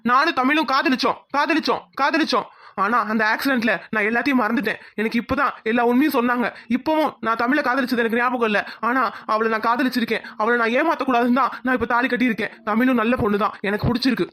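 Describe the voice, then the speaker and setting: A woman's voice: fairly high pitch, fast talker, fairly bright tone, close to an everyday voice. Woman voicing an earnest young groom. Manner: earnest, insistent.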